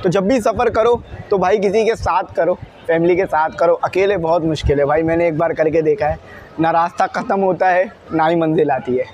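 Chatty young Pakistani vlogger, high voice. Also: male voice, a little fast, darkish tone. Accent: Pakistani Urdu. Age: young adult. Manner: chatty, addresses viewers as "bhai" often, frequent fillers. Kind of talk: casual vlog to camera. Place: outdoor railway station platform. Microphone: small lapel mic. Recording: outdoor station with faint noise.

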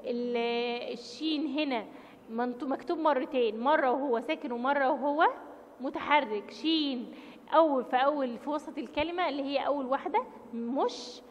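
A woman's voice: high voice, normal speed, big-room sound, dull audio. A woman teacher with an Egyptian Arabic accent leading a children's reading lesson, stretching out syllables with emphasis for young pupils. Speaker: primary school teacher. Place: school classroom or room.

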